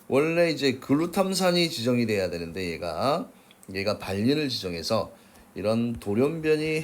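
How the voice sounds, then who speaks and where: Male science tutor, lower pitch, very animated delivery, casual workbook walkthrough. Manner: casual, checks in with frequent "그치?" tags; refers to himself as 쌤. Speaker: science teacher. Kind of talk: workbook problem walkthrough lecture.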